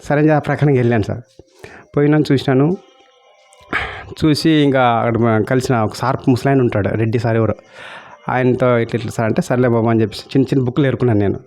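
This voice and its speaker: A man's voice: mid-range voice, steady tone, fast, long pauses, a little mellow. A man from Kurnool, telling his own meditation experience as a testimony. He keeps calling the listener "sir" and acts out the dialogue he quotes. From Kurnool, India. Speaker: meditation practitioner sharing experience. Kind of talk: personal testimony.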